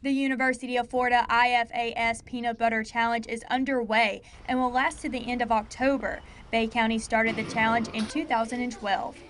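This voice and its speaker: A woman reporter narrates a scripted television news package. Her voice sits on the high side, with the measured delivery of a prepared script. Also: level tone, fairly bright tone, slight background noise.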